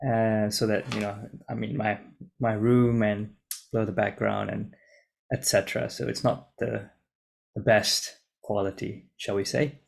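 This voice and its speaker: A man's voice: lowish voice, level tone, a little slow, vocal fry. A young man in his twenties from Singapore, a junior doctor talking casually to camera from a script, hesitant with many restarts, recorded on a laptop mic in his room. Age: 20s. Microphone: laptop mic on a video call.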